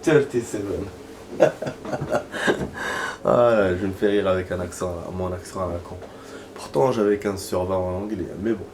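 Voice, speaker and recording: Man, let's-play host, chatty and self-mocking, low voice, faint hiss. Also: fairly even intonation, a little fast. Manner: joking, chatty, laughs at himself. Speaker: gaming let's-player. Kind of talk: casual gameplay commentary.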